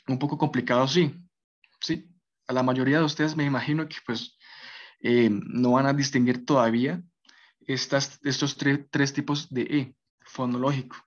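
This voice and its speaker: A man teaching a basic French class, explaining patiently and often checking that his students follow. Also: medium pitch. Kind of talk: basic language lesson. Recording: dull lo-fi recording.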